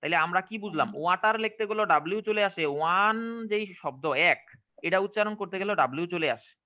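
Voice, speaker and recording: A man with a Bangladeshi Bengali accent runs an online English pronunciation lesson, regularly checking whether students follow him through questions. He speaks at a quick pace in a high, sharp-toned voice, and the highs in the audio are cut off.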